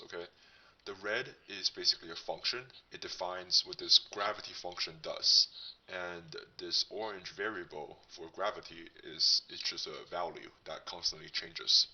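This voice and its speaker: Male tutorial host, disguised deep voice via voice changer, very sharp and bright tone, casual delivery, a little off-mic. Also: slightly rough, distant mic, rough recording. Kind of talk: casual coding tutorial narration.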